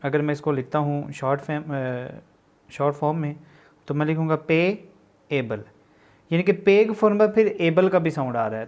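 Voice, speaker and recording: A male shorthand instructor with a slightly raised pitch gives a patient classroom-style lesson. He restates each point for his students, and he slows to a deliberate pace when he reads definitions aloud. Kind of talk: explanatory lesson.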